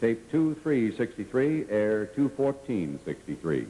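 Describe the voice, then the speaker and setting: A man's voice: medium pitch, sing-song, a little slow. A man announcing in a formal, emphatic way, heard as an old television broadcast recording, sometimes off-mic. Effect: old broadcast recording, off-mic at times. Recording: vintage broadcast, distant mic, loud music.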